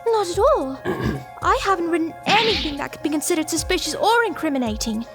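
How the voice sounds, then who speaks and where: Rarity, a woman voicing a very high posh pony. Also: expressive, fairly quick. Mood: refined worry. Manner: refined, theatrical diction with "darling". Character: prim, dramatic posh unicorn mare. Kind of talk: fan voice acting of a game. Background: music.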